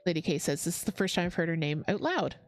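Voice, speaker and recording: Low-voiced woman chatting on a livestream. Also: lively intonation, quick pace, faint music behind. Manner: chatty, reads chat comments aloud, laughs often. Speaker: livestream host. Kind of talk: casual chat while crafting on a livestream.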